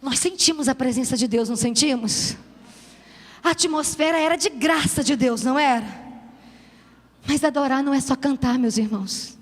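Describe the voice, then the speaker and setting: A woman pastor preaching a sermon with passion, swinging from shouted calls to soft, confiding words. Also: high voice, moderate pace. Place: large church hall. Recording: reverberant church hall.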